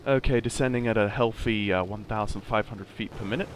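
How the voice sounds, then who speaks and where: Male sim pilot, lowish voice, easygoing and slightly hesitant commentary, with a clear engine drone behind. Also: fairly even intonation, a little fast. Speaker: flight simulator streamer playing the pilot. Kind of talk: casual running commentary with radio calls. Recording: loud engine hum behind voice.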